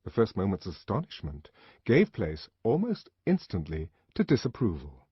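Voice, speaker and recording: A husky-voiced man reads a novel aloud, his pitch rising and falling widely as he dramatizes the scenes. The voice sits on the low side and sounds close and dry. The recording itself is dull and lo-fi. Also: moderate pace, dry recording. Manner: dramatic, expressive reading. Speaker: audiobook narrator. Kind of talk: scripted literary narration.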